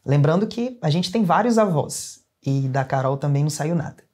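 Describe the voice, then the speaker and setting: A man's voice: a little high, lively intonation, moderate pace, mellow, slightly rough. A young man with a Brazilian accent, an interview guest earnestly telling a personal story in casual conversation. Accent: Brazilian Portuguese. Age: young adult.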